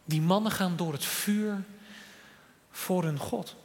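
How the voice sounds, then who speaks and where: A man preaching a sermon in earnest, moving between loud stressed lines and quiet, soft ones. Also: sits high, slow pace. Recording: long reverb of a large church hall.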